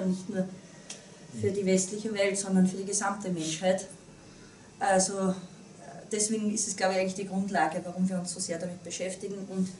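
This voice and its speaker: A woman in her thirties, speaking with an Upper Austrian accent, addresses a small group as a guest speaker at a public talk. She is earnest, restarting often and leaning on fillers, and her mid-range voice sounds warm. The far camera in the small meeting room gives roomy, distant audio with a little hiss or hum.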